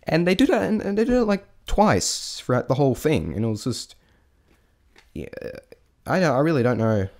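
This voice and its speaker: An amateur reviewer with a fairly high, sing-song, slightly mellow voice shares his opinions at normal speed. The review is unscripted and rambling, marked by hesitation, stammering and thoughts left unfinished.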